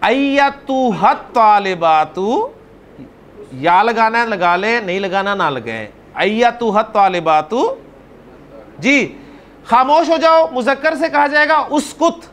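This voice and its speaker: A man teaching an Arabic grammar class, explaining patiently, calling on students by name and repeating words slowly. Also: very high-pitched, very animated, fairly bright tone, a little hiss or hum.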